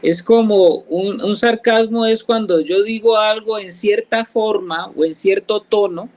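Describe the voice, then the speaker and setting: A Colombian man with a notably high voice leads a church Bible study. He explains each verse patiently and keeps putting questions to his listeners. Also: measured pace, darkish tone, low-quality recording. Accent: Colombian Spanish. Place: church, class also joined online.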